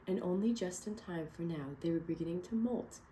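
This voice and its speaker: A woman reading a picture book aloud to children as a teacher, lively and encouraging, stopping to ask them questions. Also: fairly low pitch, fairly quick, slight background noise.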